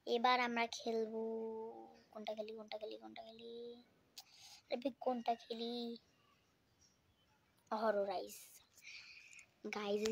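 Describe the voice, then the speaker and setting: A woman giving casual, chatty commentary while playing mobile games, often dropping into a hushed whisper. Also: a little high. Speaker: gaming vlogger.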